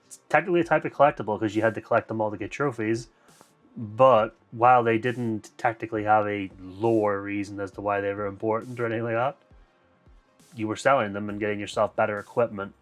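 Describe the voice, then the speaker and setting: A man's voice: fairly low pitch, steady tone, a little fast, faint music behind. A man co-hosting a casual gaming podcast, playful and teasing. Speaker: podcast co-host.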